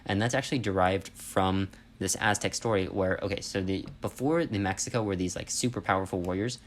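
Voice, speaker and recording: A man's voice: low voice, fairly quick, a little hiss or hum. A man giving an informal history lesson as an instructor, explaining things conversationally and often checking in with listeners.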